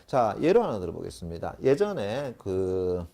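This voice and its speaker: Animated male grammar lecturer. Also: fairly low pitch, moderate pace, creaky. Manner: animated, keeps checking understanding with short questions. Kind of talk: classroom lecture.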